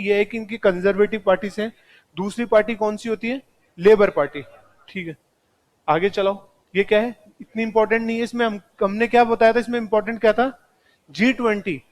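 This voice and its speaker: A man teaching a live classroom lecture, speaking straight to his students and mixing in English terms. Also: sits high.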